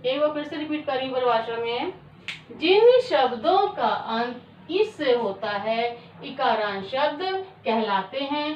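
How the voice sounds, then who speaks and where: A woman teacher giving a classroom lesson, who dictates slowly, repeats words and quizzes her students with questions. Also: high voice, expressive, distant mic, slight background noise. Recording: echoey, dull sound from away from the mic.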